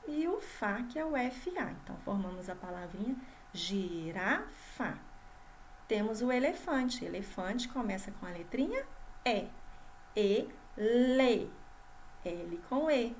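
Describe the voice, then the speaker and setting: A woman's voice: mid-range voice, sing-song, a little hiss or hum. A Brazilian woman teaching first graders in a video lesson, stretching out syllables and often checking in with the class. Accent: Brazilian Portuguese. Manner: sing-song, drawn-out syllables for children; constant checking questions to the class. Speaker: primary school teacher. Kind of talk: video lesson for young children.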